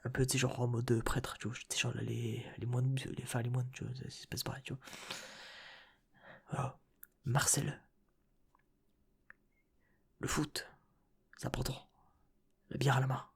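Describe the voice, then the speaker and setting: A man's voice: mid-range voice, little pitch movement, measured pace, creaky, pauses often, breathy edge. A young man telling a personal story in whispered ASMR storytelling, slangy and rambling with lots of fillers, close to the microphone. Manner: soft whispering close to the mic. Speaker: ASMR creator.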